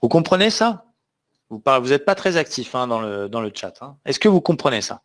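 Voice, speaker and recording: With big pitch swings and a fast delivery, a medium-pitched male trainer teaches a live trading webinar online. His manner is emphatic, and he regularly checks in with the audience through questions.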